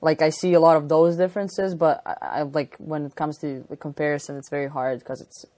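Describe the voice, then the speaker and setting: A young woman with a Croatian accent, a college squash player, chats casually as an interview guest, filling her talk with "like" and laughing easily. Her voice sits low and sounds mellow, with fairly even intonation and a fairly quick pace, in a dry recording.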